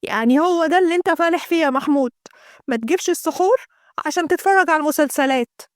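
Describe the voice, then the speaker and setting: A woman voicing a nagging young housewife with an Egyptian accent, talking in shrill, scolding complaints. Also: very fast, dry recording, studio quality, natural voice. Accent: Egyptian Arabic.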